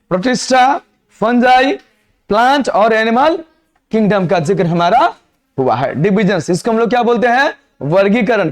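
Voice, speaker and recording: A man with a high-pitched voice lectures a biology class in a classroom. He keeps throwing questions at the students and answering them himself, switching freely between Hindi and English terms. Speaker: biology teacher.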